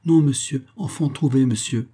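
A man reading aloud and voicing an eager, quick-talking little foundling boy in a storybook. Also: medium pitch, mellow, slightly rough, voice pushed up, lightly acted. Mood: eager, polite.

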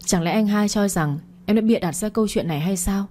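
A woman's voice: medium pitch, a little fast, mellow, a little hiss or hum, close to an everyday voice. A woman reading the part of a tearful, spoiled young woman in an audio story, with a complaining manner. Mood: tearful complaint.

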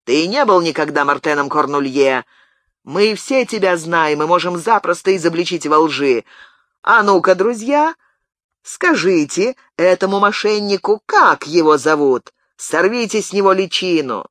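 A man's voice: sits high, expressive, a little slow, a bit bright, dry recording, studio quality. A man reading an audiobook, voicing a harsh, contemptuous cavalry commander who gives orders. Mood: angry.

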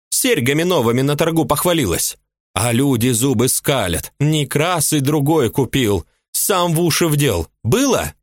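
Guy putting on a shrieky jealous widow, high voice swinging all over, audiobook, dry sound. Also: no room sound. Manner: shrieking, scolding, tearful reproach. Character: angry jealous young widow, shrill and accusing. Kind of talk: audiobook character voice.

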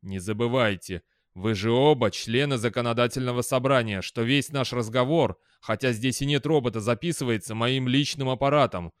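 Brief: male reader doing a commanding chairman, slow, loud and deliberate, close dry sound. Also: mid-range voice, smooth, no room sound, natural voice. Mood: stern. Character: stern powerful male council chairman.

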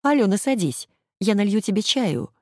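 A woman voicing a gentle, timid young woman who speaks softly and placatingly. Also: mid-range voice, animated, moderate pace, dry recording, studio quality, pitched above the performer's own voice, natural voice. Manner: soft, placating.

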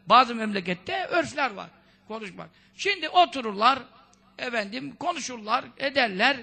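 Speaking in a strikingly high, ringing voice that is also gravelly, bright, and forceful, a preacher delivers a sermon in a conversational style. One rhetorical question after another scolds his listeners, with Arabic sayings woven in.

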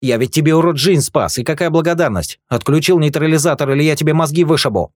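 Audiobook guy doing young guy yelling orders, angry, cocky. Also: medium pitch, animated, brisk, no echo, studio quality, pitched above the performer's own voice, close to an everyday voice. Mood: furious. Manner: angry, shouting, defiant. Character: young brash male sidekick.

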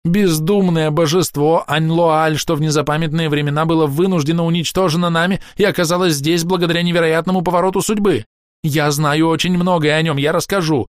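A man voicing a pompous male elf sorcerer who loudly pleads and wails in declamatory outbursts. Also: measured pace, no echo, studio quality, close to an everyday voice. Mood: desperate boasting. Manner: shrill, declamatory wailing.

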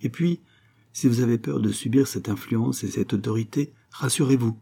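A man's voice: medium pitch, normal speed, creaky, dark tone, breathy edge. A man reading the part of a nervous young male count, an earnest suitor who pleads eagerly and lifts his voice as he talks.

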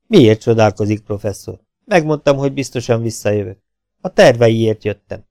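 A man's voice: medium pitch, animated, darkish tone, dry recording, clean studio sound, close to an everyday voice. A man reading as a cold, curt dictator. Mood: cold commanding. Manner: clipped, stern commands.

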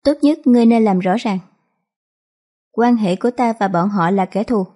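A woman's voice: mid-range voice, normal speed, dark tone, lightly acted. A woman voicing a cold, ruthless young empress who speaks in clipped, commanding lines.

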